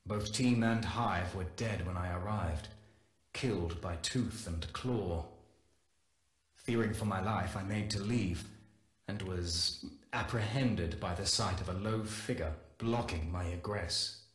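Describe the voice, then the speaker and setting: An actor playing a male morphology scientist reading his own journal log in a game, in a measured, solemn storytelling manner. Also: low voice, reverberant. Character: Corpus scientist recounting a wild animal. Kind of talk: scripted game audio-log narration.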